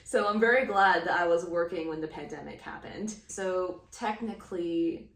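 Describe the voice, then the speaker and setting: A woman's voice: fairly low pitch, normal speed, fairly bright tone, distant mic. Chatty thirty-year-old woman, roomy sound. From Houston, Texas. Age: 30s. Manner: rambling, filler-heavy, laughs often. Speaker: crochet vlogger. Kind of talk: casual chat.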